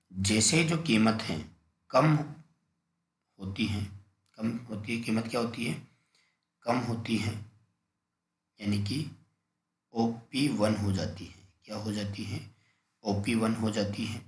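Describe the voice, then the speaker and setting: A man's voice: on the low side, takes it slowly, long pauses. A man teaching an exam-prep lesson, repeating key points and asking then answering his own questions. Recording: echoey room, faint noise.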